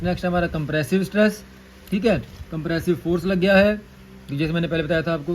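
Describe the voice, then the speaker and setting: High-voiced man teaching a lesson. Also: a little mellow, slight background noise, poor audio. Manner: repeats key terms, slow dictation of formulas. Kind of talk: classroom lecture on engineering.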